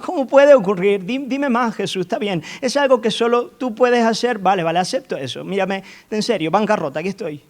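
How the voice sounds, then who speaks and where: A man preaching, putting on the voice of a perplexed man who pleads for answers in halting, insistent questions. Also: high-pitched, expressive, voice pushed up. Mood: pleading.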